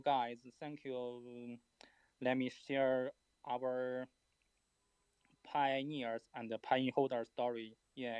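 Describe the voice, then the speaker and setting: A man delivering a scripted personal speech to an online community in measured short phrases. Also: medium pitch, clean tone, no echo, highs cut off. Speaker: guest speaker at an online community event.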